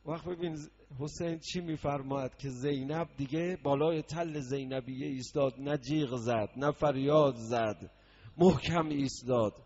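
A man preaching a mourning sermon that moves from quiet explanation into loud, sung lament. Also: medium pitch, a little hiss or hum. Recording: dull lo-fi recording.

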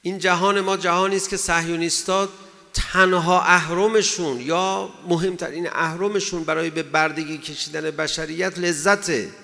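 A man's voice: high-pitched, creaky, pushed and bright. A man giving a sermon in an emphatic way, asking his listeners rhetorical questions. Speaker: religious lecturer. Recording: long hall reverb.

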